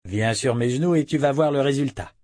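A man's voice: medium pitch, brisk, a little mellow, no room sound, clean studio sound, lightly acted. A man voicing a good-humored adult man who jokes playfully, in an audiobook. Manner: joking, playful.

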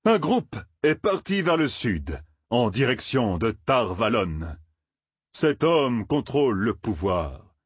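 A sly, theatrical peddler draws out his words with pompous relish, as a man puts him on. The husky voice rises and falls widely, recorded close and dry. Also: medium pitch, very animated, dry recording, voice pushed up, heavily acted. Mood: grandiose. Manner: drawn-out, pompous storytelling. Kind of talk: audiobook character voice.

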